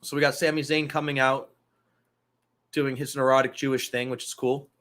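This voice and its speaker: A man's voice: mid-range voice, little pitch movement, normal speed, fairly bright tone. A man hosting a casual wrestling talk show, loose and profane, rambling through asides. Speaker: podcast host.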